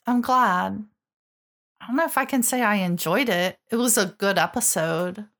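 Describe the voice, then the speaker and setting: Gravelly-voiced woman podcast co-host. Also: mid-range voice, moderate pace, fairly bright tone. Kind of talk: casual chat reviewing a TV episode.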